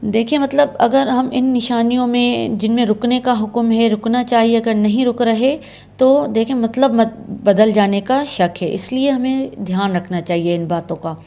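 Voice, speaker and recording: A woman's voice: a little high, moderate pace, gravelly, warm tone. A woman teaching Quran recitation signs in a patient, step-by-step way, repeating key terms. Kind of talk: slow explanatory lesson.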